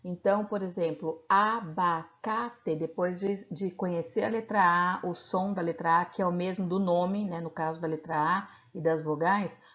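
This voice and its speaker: A woman's voice: on the low side, fairly even intonation, normal speed, few pauses, fairly bright tone. Brazilian woman teacher, patient explaining. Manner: patient explaining, frequent tag questions. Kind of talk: recorded video lecture. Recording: slightly dull lo-fi recording.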